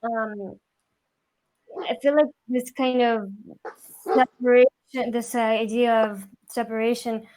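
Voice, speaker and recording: A woman's voice: fairly high pitch, steady tone, takes it slowly, pauses often, a little mellow, poor audio. A woman joining a casual podcast discussion, speaking tentatively.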